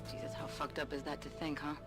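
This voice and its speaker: A blunt low-voiced hacker contact. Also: female voice, flat delivery, fast talker, vocal fry. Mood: wry. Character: tough female hacker contact, blunt and brisk. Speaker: game character. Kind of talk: video game voice acting. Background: game music.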